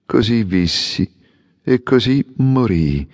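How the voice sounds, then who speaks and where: A man's voice: lowish voice, animated, darkish tone, no echo. A man as a solemn, sorrowful statue prince. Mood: melancholy. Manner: solemn, measured. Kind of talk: audiobook character reading.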